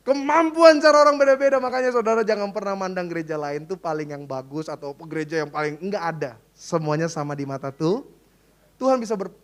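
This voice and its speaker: A middle-aged man from Jakarta preaching a sermon, telling funny stories, mimicking other people's voices and laughing often. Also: sits high. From Jakarta, Indonesia. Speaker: pastor.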